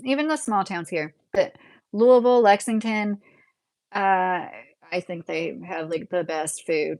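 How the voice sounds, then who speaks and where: A YouTube livestream host from Southern Indiana, a woman in her late thirties with a Midwestern American accent, answers viewer comments in a casual, rambling way and keeps breaking into chuckles. Her voice sits lowish and a little mellow, with no echo in the recording.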